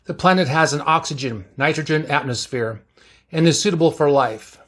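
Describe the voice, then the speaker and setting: Man, narrator, reads fan fiction aloud, steady, plain, slightly high voice. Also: normal speed, background noise.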